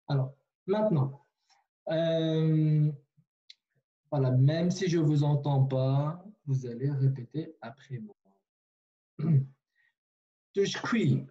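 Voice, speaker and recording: A man's voice: on the high side, takes it slowly, long pauses, warm tone, dull audio. A man teaching a language online in a patient way, repeating himself with many fillers and restarts, over a video call.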